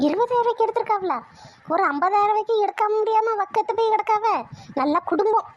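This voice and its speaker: A woman playing a sharp-tongued, domineering old grandmother in a family comedy skit, complaining in rapid-fire bursts. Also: sits high, highs cut off, natural voice. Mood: indignant.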